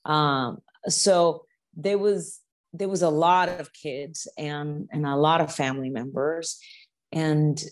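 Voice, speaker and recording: A woman's voice: low-pitched, steady tone, slow. A middle-aged woman from the United States, talking casually as an interview guest, with many restarts and repeated words.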